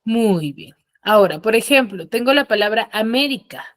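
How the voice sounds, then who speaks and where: A woman teaches an online class over a video call through her computer mic, explaining things patiently and often checking that her students are following. Her voice is on the high side and animated, her pace moderate, with no room sound.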